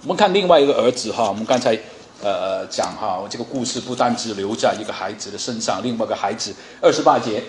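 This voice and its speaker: A man's voice: fairly low pitch, animated, quick pace, roomy sound, slight background noise. A man preaching a sermon in a conversational way, with fillers and frequent rhetorical questions. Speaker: pastor.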